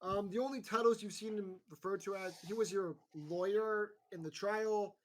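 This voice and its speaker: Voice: mid-range voice, normal speed, slight background noise. A game master narrating a tabletop game in a casual, rambling way full of fillers.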